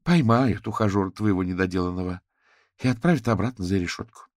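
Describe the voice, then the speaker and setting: A man's voice: sits low, fairly quick, dry recording, studio quality, close to an everyday voice. A man voicing a kindly, motherly neighbour woman with a soothing, homely way of talking.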